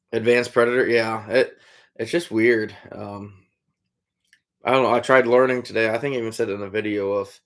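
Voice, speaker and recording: A man chatting casually on a live stream, answering viewers in a laid-back way. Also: lowish voice. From Iowa, USA. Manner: laid-back, calls chatters "buddy", trails off with "I don't know". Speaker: trapper hosting a live stream.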